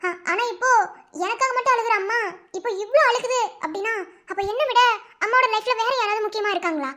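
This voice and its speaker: A woman's voice: extremely high pitch, quick pace, bright, forceful tone. A woman voicing an anxious little girl in a cartoon, asking questions about her mother. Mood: worried.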